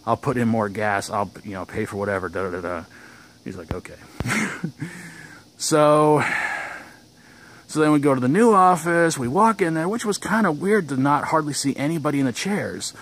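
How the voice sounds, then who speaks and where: A man's voice: on the high side, normal speed, slight background noise. A young man telling a casual vlog story outdoors, rambling, with restarts and chuckles. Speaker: vlogger.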